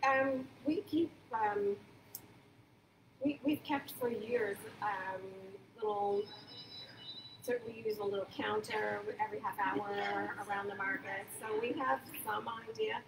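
A woman's voice: medium pitch, fairly even intonation, a little slow, vocal fry. Older woman talking in an echoey hall. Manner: chatty, enthusiastic, many fillers and restarts. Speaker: farmers market manager. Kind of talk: casual interview. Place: large indoor market hall. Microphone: phone camera a few feet away. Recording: echoey hall from a distance, background hum.

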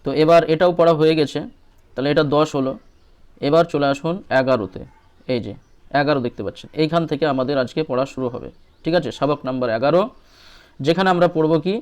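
A man's voice: a little high, fast talker, pauses often, clear, resonant tone. A man teaching a lesson on reading the Quran, patiently asking questions and then answering them himself. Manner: checks in often with short questions to the viewer. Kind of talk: step-by-step lesson walkthrough.

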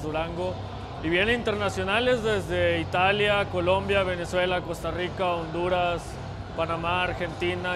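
A young man, an event organizer speaking in a news interview in an indoor convention hall, relaxed and listing things at an easy pace. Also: high-pitched, noisy background. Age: young adult. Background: background music.

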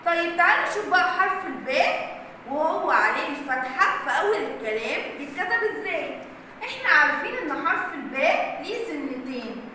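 A woman's voice: high voice, very animated, a little fast, sharp tone, very echoey, in a large hall, recorded from a distance, slight background noise, rough recording. A woman with an Egyptian accent teaching a kindergarten phonics lesson. She asks questions in a sing-song way and answers them herself, drawing out each letter sound. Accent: Egyptian Arabic.

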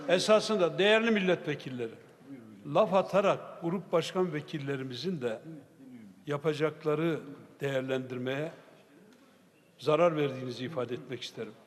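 Man presiding over parliament, stern, calls for order; slightly high voice, long hall reverb. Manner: admonishing, often raises voice. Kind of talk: chairing a parliamentary session. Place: parliament general assembly hall. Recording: long reverb of a large chamber.

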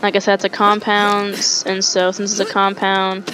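A young woman gaming streamer tells a rambling story while playing, swearing and correcting herself, from a home room on webcam with a headset mic. Her voice is medium-pitched and monotone at a moderate pace. Music plays in the background, and the recording is low quality.

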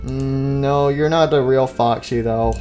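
A man's voice: mid-range voice, fairly even intonation, takes it slowly, darkish tone, faint music behind, close to an everyday voice. A man voicing a cheeky little animatronic boy, childish and bluntly dismissive, in an amateur cartoon skit. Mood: innocent, dismissive.

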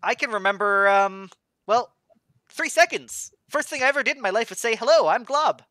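Innocent, clueless blob creature, played by a man, high chirpy voice, bright tone. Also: expressive, moderate pace, no echo, studio quality, heavily acted. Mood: curious. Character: newborn talking ooze, cheerful and clueless.

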